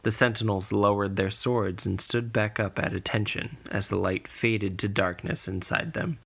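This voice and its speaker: In this podcast, a man reads a scripted fantasy adventure with careful, deliberate pacing. His voice is low, creaky and gravelly, steady in tone and a bit bright.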